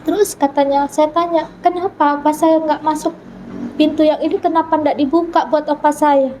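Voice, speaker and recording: A woman's voice: high voice, fairly even intonation, moderate pace, mellow, a little hiss or hum, rough recording. A woman from North Sulawesi telling her personal story as a guest, earnestly acting out remembered dialogue. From North Sulawesi, Indonesia. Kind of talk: personal testimony in an interview.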